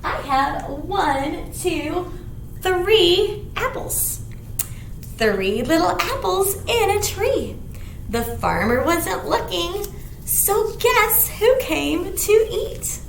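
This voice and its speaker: Taking things very slowly, this animated woman presents children's storytime as the librarian, her very high sing-song pitch swooping widely and her phrasing kept simple for young ears. Expect read-aloud, songs and rhymes in an echoey room where background noise is clearly audible.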